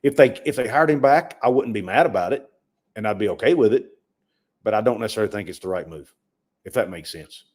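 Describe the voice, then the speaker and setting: A lower-pitched man co-hosts a livestream sports chat. He talks casually and stumbles over repeated words when he presses a point. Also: expressive, fast talker, a little mellow. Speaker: sports podcast co-host.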